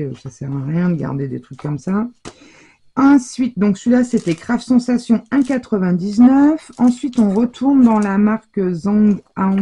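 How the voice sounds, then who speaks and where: A middle-aged woman presenting her craft shopping haul in a casual, chatty way, hesitating often and filling pauses as she goes. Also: mid-range voice, dark tone, slightly rough. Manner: chatty, hesitant, full of fillers and self-corrections.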